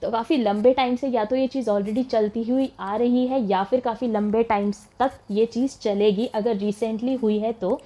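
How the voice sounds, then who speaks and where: A woman's voice: on the high side, steady tone, measured pace, few pauses, mellow. Chatty young woman reading tarot. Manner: chatty, mixes English words into Hindi, laughs as she talks. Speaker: tarot reader. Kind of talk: casual tarot reading for viewers.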